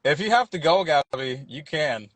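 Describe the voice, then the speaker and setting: A man's voice: fairly high pitch, animated, moderate pace, a little hiss or hum, poor audio. A man co-hosting a livestream, chatting casually and joking around, at times mimicking an auctioneer. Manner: jokey, hams it up like an auctioneer. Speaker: livestream co-host.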